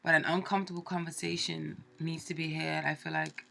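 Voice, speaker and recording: Low-pitched and a bit bright, a woman's creaky voice holds a level tone at a fairly quick pace, with a little hiss or hum behind it. She has a cold and sounds stuffed up while giving a chatty, casual tarot reading with many fillers and restarts.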